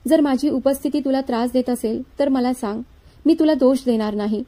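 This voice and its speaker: A woman voicing a patient pregnant young wife who speaks softly and with restraint in a spoken story. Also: sits high, brisk, lightly acted. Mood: hurt.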